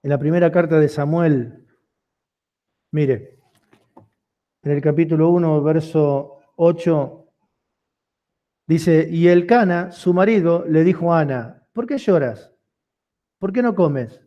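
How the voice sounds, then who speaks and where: High-voiced preacher man. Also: slow pace, pauses often, highs cut off. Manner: preaching with rising intensity and repeated rhetorical questions. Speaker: pastor. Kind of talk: sermon.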